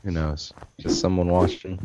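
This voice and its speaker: A man's voice: low voice, level tone, moderate pace. A man playing along in voice chat, casual and easily panicked, repeating "no" when things go wrong. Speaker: co-player. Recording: dull voice chat with faint hiss.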